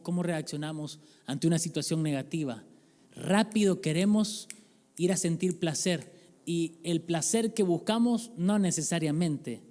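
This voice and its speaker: A man preaches to his congregation in a loose, conversational way, throwing questions and jokes at them. His voice sits a little high for a man. The long reverb of a church hall hangs behind every phrase. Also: warm tone. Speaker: pastor. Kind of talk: sermon. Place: church sanctuary.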